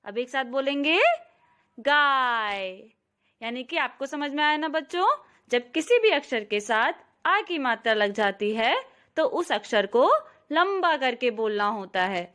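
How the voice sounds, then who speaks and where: A woman teaching a slow, clear phonics lesson to young children, stretching out each syllable and often calling out to them. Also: sits high, expressive. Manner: drawn-out syllables, addresses children warmly; very slow, careful pace. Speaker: kindergarten teacher.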